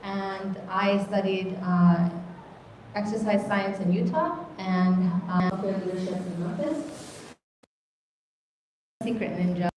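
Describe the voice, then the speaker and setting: A woman in her thirties introduces herself to a group at a gathering. She speaks casually and without hurry, slipping in Arabic blessings. Her voice comes from a distance and rings around a very echoey hall with a faint hiss behind it. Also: medium pitch. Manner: relaxed, unhurried, sprinkles Arabic religious phrases. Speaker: youth worker and doula introducing herself. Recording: very echoey room, voice far from the mic.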